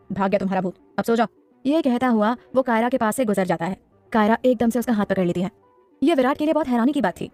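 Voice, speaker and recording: Brief: woman narrator for a serial audio story, rapid, dramatic delivery over soft music. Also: fairly high pitch.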